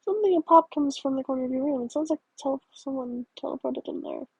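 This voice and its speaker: A woman's voice: high voice, quick pace, a little mellow, no room sound, muffled recording. A woman narrating a reader-insert fan story aloud, reading in second person with small stumbles and self-corrections.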